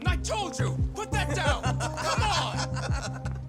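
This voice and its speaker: An indignant, flustered shopkeeper, high and swooping in pitch. The game character sounds exasperated with troublemakers, and loud music plays behind. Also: female voice, lively intonation, slow, exaggerated voice. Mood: alarmed, indignant. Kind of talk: video game voice acting.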